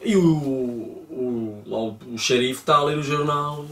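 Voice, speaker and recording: A man's voice: medium pitch, unhurried. A man retelling a film scene by scene in casual, slangy talk, acting out the moments. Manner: colloquial, slangy, acts out the scenes. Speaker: film reviewer. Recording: roomy, distant mic.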